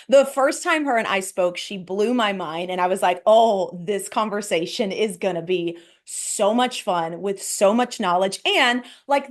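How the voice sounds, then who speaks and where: A woman hosting a podcast, talking with bright, energetic enthusiasm. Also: on the high side. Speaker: podcast host. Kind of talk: upbeat podcast intro and interview. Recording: loud music under the intro.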